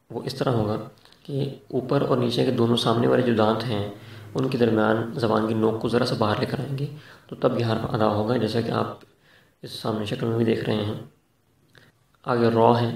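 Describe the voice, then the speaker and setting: A man teaching Quran pronunciation, explaining each letter and drawing out the sounds slowly and carefully. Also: medium pitch, creaky, a little mellow. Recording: echoey room, distant from mic.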